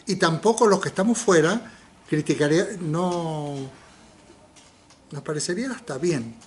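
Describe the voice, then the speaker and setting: A man's voice: on the high side, unhurried. An older man giving an informal philosophy seminar lecture, asking the audience rhetorical questions and dropping frequent tag questions. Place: lecture room in a community center.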